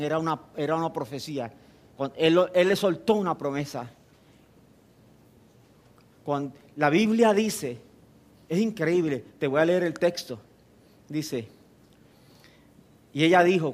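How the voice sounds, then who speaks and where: A man preaching a sermon, speaking to the listener directly with repetition and rhetorical questions, and rising to loud, emphatic passages. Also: fairly high pitch.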